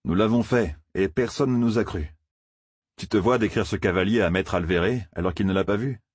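A man's voice: on the low side, a little fast, slightly rough, dry recording, clean studio sound. A man voicing a mischievous young village man, eager and chattering. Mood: earnest.

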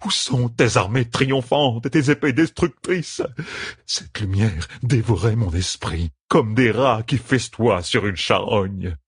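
A man voicing a blinded, maddened old lord who rants in a shrill voice climbing ever higher, husky and close in an audiobook. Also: animated, takes it slowly, no echo, heavily acted. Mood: raving.

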